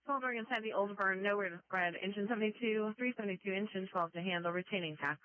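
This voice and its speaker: Female dispatcher, fire radio read-back, medium pitch, dull dry transmission. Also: fast, dry recording. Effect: two-way radio.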